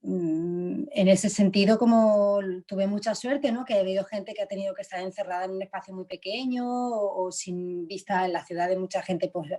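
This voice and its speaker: Speaking at a moderate pace with few pauses, this actress has a medium-pitched, mellow voice. As an interview guest she's chatty and reflective, answering in a relaxed, conversational way, laughing often and filling her speech with fillers.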